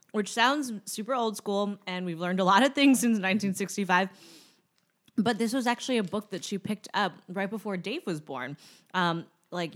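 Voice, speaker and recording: A young adult woman co-hosting a podcast in casual chat, talking easily with lots of fillers. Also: medium pitch. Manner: chatty, many fillers, laughs easily. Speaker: podcast co-host.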